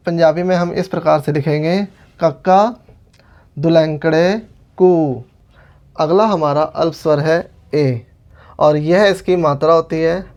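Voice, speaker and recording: A man's voice: a little high, darkish tone. A man teaching a language writing lesson step by step, explaining each sign patiently as he draws it. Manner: patient, methodical, explains while drawing.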